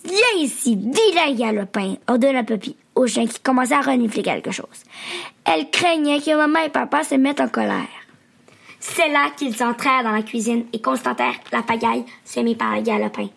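Woman narrator, high voice, gravelly, bedtime story reading, expressive. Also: a little fast. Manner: gentle, expressive reading to children.

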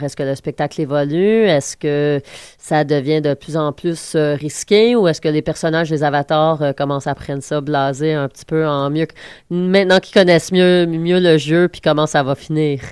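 A woman's voice: deep voice, fairly even intonation, normal speed, a little mellow, clear, resonant tone, dry recording. A woman with a Quebec French accent hosting a casual radio interview in a studio.

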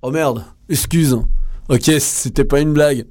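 A man's voice: fairly high pitch, measured pace, a little mellow, dry recording, studio quality. A man co-hosting a radio show, joking and slangy, hesitating with many fillers. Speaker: radio co-host. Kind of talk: casual radio chat.

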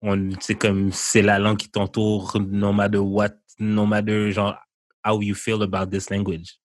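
A young man with a Québécois accent talks casually in a low voice that sits close to the mic with no room sound around it. He is animated and quick to laugh. He mixes English phrases into his French. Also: dry recording. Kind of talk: casual chat.

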